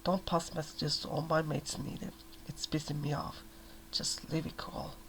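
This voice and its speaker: A quiet, menacing young man, as a male reader puts him on, cold and dismissive, talking soft and low. The voice sits slightly high with a gravelly edge. It is a soft-spoken ASMR reading with a faint hum behind it. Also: fairly even intonation, normal speed.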